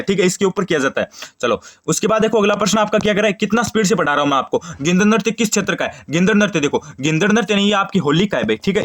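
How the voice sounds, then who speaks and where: A young man from Rajasthan, teaching an online exam-prep lesson and drilling questions and answers rapidly, repeating each answer. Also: sits high, a bit bright. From Shekhawati, Rajasthan.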